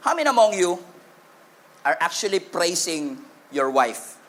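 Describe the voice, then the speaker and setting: A man with a Filipino accent preaching a sermon in a church, animated and humorous, calling on the congregation to respond. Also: high voice, measured pace. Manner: animated, humorous preaching with Taglish code-switching. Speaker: pastor.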